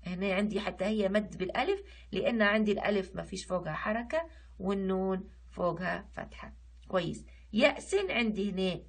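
A Libyan woman teacher leads a children's reading lesson online. Her voice is slightly husky, and her pitch rises and falls widely. She recites lines slowly, word by word, then explains how to pronounce them. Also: a bit bright. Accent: Libyan Arabic. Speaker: primary school Arabic teacher.

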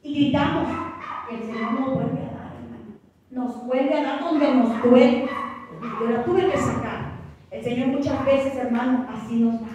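Woman pastor preaching, high mellow voice, booming reverb from across the church. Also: moderate pace, highs cut off. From Mexico. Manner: fervent, keeps calling listeners "hermano". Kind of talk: sermon. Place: church hall. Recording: echoey church hall, far from mic.

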